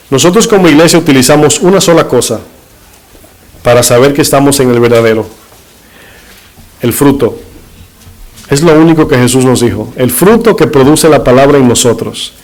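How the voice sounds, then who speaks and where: A man's voice: mid-range voice, poor audio. A middle-aged man, a pastor, preaching a sermon in short emphatic phrases and putting rhetorical questions to his congregation. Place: church.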